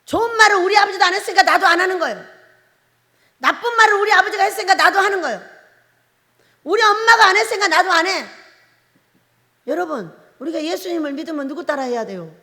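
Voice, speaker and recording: A woman's voice: very high voice, expressive, fast talker, long pauses, sharp tone. A woman pastor from Korea's Jeolla Province preaching a sermon, emphatic and firing rhetorical questions at the congregation. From Jeolla Province, South Korea. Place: prayer retreat chapel. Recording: long reverb of a large hall.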